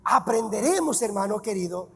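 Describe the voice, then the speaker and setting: A male pastor preaching a sermon emphatically, shouting key words and quizzing the congregation. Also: high voice, animated, normal speed, breathy edge, long reverb tail. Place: church.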